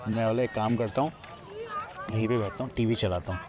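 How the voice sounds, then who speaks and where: A man's voice: lowish voice, fairly quick, music in the background. A man from Odisha, a podcast guest, retelling a personal ghost story with many quoted lines of dialogue, recorded outdoors at a riverside ghat. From Odisha, India.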